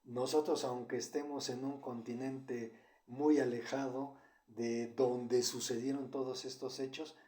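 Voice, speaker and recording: A man giving a Bible study sermon, talking haltingly with many fillers and repeated words. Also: medium pitch, flat delivery, mellow. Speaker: Bible teacher. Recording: roomy echo.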